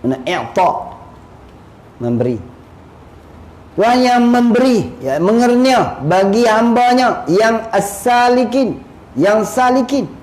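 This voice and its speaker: A male religious teacher giving a traditional lesson, animated and acting out little dialogues. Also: very high voice, slow pace, pauses often. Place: religious school hall. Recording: echoey room with faint noise.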